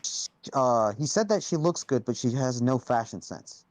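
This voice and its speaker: A man's voice: medium pitch, expressive, normal speed, a little mellow, dry recording. Young man, casual debater, hedging, frequent restarts, dry close mic, mid voice. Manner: hedging, restarts often, says "right?".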